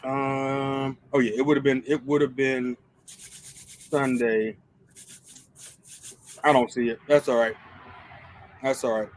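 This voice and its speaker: A man co-hosting a casual live show, chatting in a relaxed, joking, rambling way. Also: mid-range voice, slow, long pauses. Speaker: podcast co-host. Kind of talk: casual chat.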